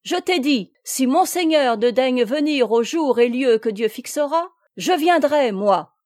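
A woman's voice: high voice, lively intonation, measured pace, a little mellow, dry recording, clean studio sound, pitched above the performer's own voice. A woman voicing a fierce young male boatman who declaims in a ringing voice. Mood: defiant.

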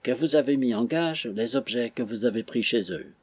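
A man reading an audiobook, voicing an indignant, blustering captain who accuses and bullies in a husky voice. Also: mid-range voice, moderate pace, darkish tone, no echo, close to an everyday voice. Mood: sneering. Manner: accusing, bullying.

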